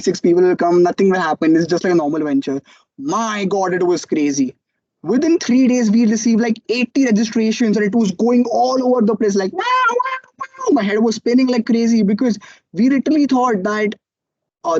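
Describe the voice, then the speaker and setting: High-voiced young Indian-accented man. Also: no echo, muffled recording. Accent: Indian English. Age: young adult. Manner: animated storytelling, acts out quotes. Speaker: student entrepreneur speaker. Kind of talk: motivational talk.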